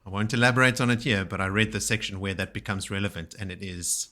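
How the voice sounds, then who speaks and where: A man's voice: lowish voice, fast, bright, forceful tone. A man hosting a podcast in a casual chat, recapping at length with enthusiasm and many fillers. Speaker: podcast host.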